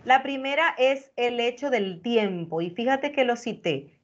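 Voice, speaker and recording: Speaking at an unhurried pace in a slightly high voice, a woman coaches a participant in a live online workshop on speaking. She explains her points directly to the listener and keeps them reassured. The video-call recording has its highs cut off.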